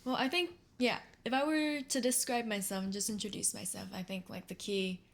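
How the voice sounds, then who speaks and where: A woman's voice: medium pitch, fairly even intonation, a little fast, vocal fry. Interview guest: young woman from Singapore, chatty and upbeat, faint background hiss. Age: young adult. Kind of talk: casual interview.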